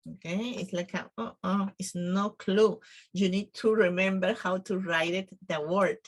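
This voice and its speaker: A middle-aged woman from Latin America teaches Spanish in unhurried, careful English with a Latin American Spanish accent. She mixes English and Spanish and checks in with listeners often. Her voice sits at an ordinary middle pitch. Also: steady tone. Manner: slow and careful, with frequent ums and "okay?" check-ins; switches between English and Spanish, laughing often. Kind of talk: casual video lesson. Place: home filming.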